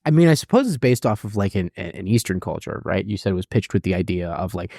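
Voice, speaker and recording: A man's voice: deep voice, animated, quick pace, vocal fry, a little mellow, no echo, studio quality. Blunt, casual man hosting a podcast. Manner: blunt, irreverent, swearing freely. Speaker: podcast host. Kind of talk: casual recap chat.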